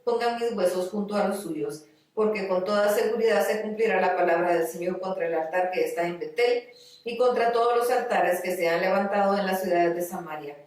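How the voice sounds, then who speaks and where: A woman reading the words of a sly, persuasive old male prophet in a slow, coaxing way. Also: mid-range voice, darkish tone, close to an everyday voice. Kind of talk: scripture reading. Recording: very echoey room, far from mic.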